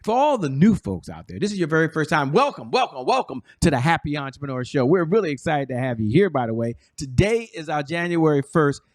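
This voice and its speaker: A man's voice: a little high, big pitch swings, brisk, few pauses, dry recording, studio quality. A man hosting a late-night business talk show, interviewing a guest with enthusiastic, upbeat patter. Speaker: show host.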